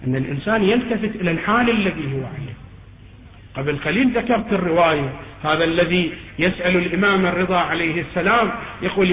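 A man's voice: high voice, a little hiss or hum. A male cleric delivering an emphatic sermon that swells into chanted, wailing supplication. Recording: echoey hall on a tinny, lo-fi recording.

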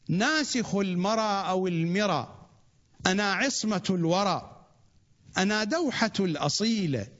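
High-voiced man in measured chant-like recitation. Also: a bit bright. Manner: measured, chant-like cadence, repeating each line's opening. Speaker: religious reciter. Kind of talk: rhythmic recitation of a rhymed sacred text. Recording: dull lo-fi recording.

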